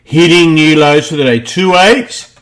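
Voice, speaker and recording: A man's voice: fairly high pitch, measured pace, a bit bright, clean tone. A man presenting a loose, rambling walkthrough of market charts, often thinking aloud between points. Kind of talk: screen-share chart walkthrough.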